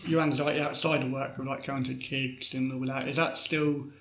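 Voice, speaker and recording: A man's voice: medium pitch, flat delivery, moderate pace. A man co-hosting a podcast, rambling casually with lots of fillers and a jokey touch. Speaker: podcast co-host. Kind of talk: casual chat. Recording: roomy echo.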